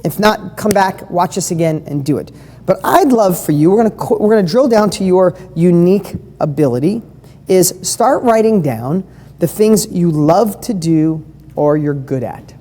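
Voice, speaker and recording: A woman's voice: lowish voice, expressive, normal speed, warm tone. A woman coaching a live online training session, talking in an enthusiastic, conversational way and firing questions at her audience. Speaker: business coach. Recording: long hall reverb.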